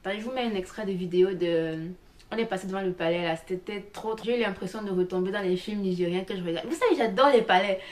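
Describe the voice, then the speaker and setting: A woman's voice: medium pitch, quick pace. A woman vlogger chatting casually and animatedly, speaking straight to her viewers about a trip. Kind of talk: casual travel vlog.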